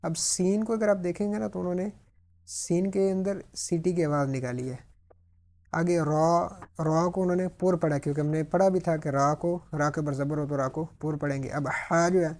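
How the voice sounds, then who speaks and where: Mellow-voiced man teaching Tajweed rules. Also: a little high, steady tone. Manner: patient step-by-step explanation, slowly modelling words. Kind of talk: explaining recitation rules.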